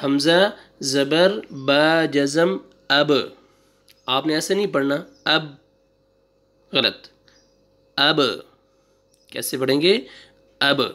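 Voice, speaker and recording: Man drilling syllables in a slow lesson. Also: fairly high pitch, a bit bright. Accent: Pakistani Urdu. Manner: slow, drawn-out drilling of syllables with quick asides. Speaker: Quran teacher. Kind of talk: online recitation lesson.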